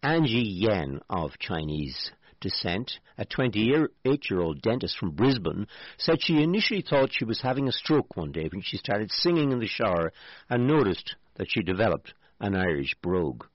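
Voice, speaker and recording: Lively wry male radio host. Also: fairly low pitch, normal speed, no room sound, lo-fi sound. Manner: wry asides, lively intonation. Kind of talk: casual radio chat reading a news story.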